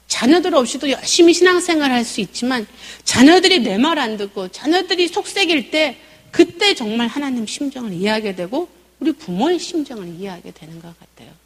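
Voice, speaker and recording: A middle-aged woman leads a parenting seminar at church and tells family stories with vivid, expressive delivery. Her voice sits high and moves lively up and down. A long reverb from the church hall hangs behind her. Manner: storytelling, expressive, acts out family dialogue.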